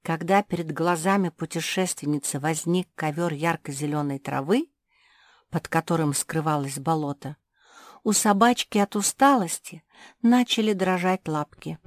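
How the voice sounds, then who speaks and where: A woman narrating a children's storybook in a measured, expressive way. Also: sits low, no echo, studio quality. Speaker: audiobook narrator.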